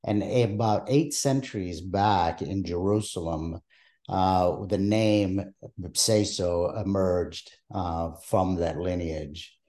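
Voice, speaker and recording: An older man from Palestine, answering oral history interview questions in a measured way with many hesitations. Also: low-pitched, warm tone. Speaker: interviewee, archive creator.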